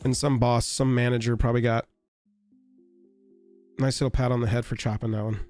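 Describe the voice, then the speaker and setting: A man with a raspy, hoarse voice from being sick, hosting a casual live stream in a rambling, wry, offhand way. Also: medium pitch, level tone, fairly quick, darkish tone, faint music behind.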